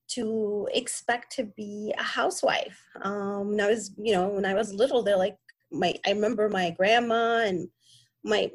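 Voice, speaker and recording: A young adult woman from the Middle East, a podcast guest talking casually and haltingly, with many fillers and restarts. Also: medium pitch, slightly rough. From Middle East (born in Kuwait, raised in Egypt). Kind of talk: casual interview talk.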